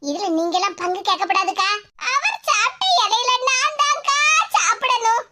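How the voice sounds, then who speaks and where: A woman voicing a shrill greedy cartoon sister. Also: lively intonation, moderate pace. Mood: smug. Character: greedy cheeky young woman, bossy sister. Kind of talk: cartoon comedy voice acting. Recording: loud hiss behind voice.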